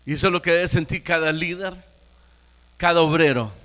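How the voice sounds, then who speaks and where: A Nicaraguan pastor preaching a sermon, emphatic, firing rhetorical questions at the congregation. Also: male voice, a little high, moderate pace, fairly bright tone, big-room sound.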